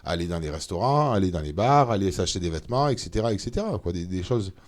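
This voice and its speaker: A man, a member of parliament, talking as a guest in a casual interview, animated and full of hesitations. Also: low voice, quick pace. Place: studio of a streamed show.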